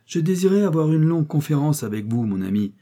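A man voicing an old, ailing, wealthy gentleman who is commanding and impatient, in an audiobook reading. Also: a little high, sing-song, fast, pitched above the performer's own voice.

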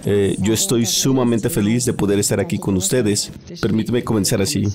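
A man's voice: lowish voice, fairly even intonation, normal speed, music in the background. A man interpreting a sermon live in a church, repeating each phrase right after the preacher. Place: church hall with a congregation. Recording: live church recording with a crowd behind. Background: congregation.

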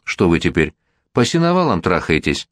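An exasperated middle-aged mother lectures her teenage daughter in a stern, reproachful way, as a man reading the book puts her on. The voice sits low but swings a great deal in intonation. The recording is dry and close, with no room sound around it. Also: sing-song, moderate pace, dry recording. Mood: angry. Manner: stern, reproachful, sharp-tongued. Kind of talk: audiobook character reading.

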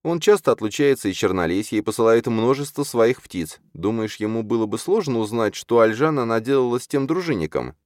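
An anxious young sorceress pleads and presses her point in a high, strained voice, as a male reader puts her on. The sound is close and dry, with her pitch leaping about as she insists. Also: expressive, a little fast, hardly any pauses, a little mellow, no room sound, natural voice. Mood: urgent. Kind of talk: audiobook character voice.

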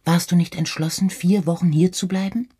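Guy voicing an eager doting young man, talks fast and loud-ish, husky, radio reading. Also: sits high, flat delivery, pitched above the performer's own voice. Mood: agitated. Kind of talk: audiobook reading.

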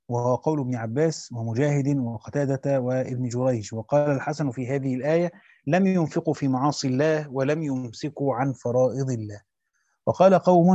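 A man reading a classical Quran commentary aloud in a steady scholarly way, often repeating a phrase to correct himself. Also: mid-range voice, dry recording, dull audio.

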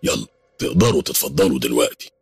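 A man's voice: very deep voice, expressive, quick pace, gravelly, slightly rough, faint music behind, heavily acted. A man voicing a stern, sinister middle-aged sheikh giving orders, in an Egyptian accent. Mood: commanding.

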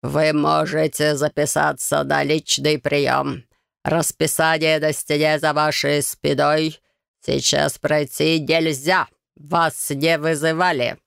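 A woman voicing a bored male guard who talks in a nasal, flat, frozen monotone. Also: on the high side, takes it slowly, vocal fry, clear, resonant tone, no echo, studio quality, exaggerated voice. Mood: indifferent.

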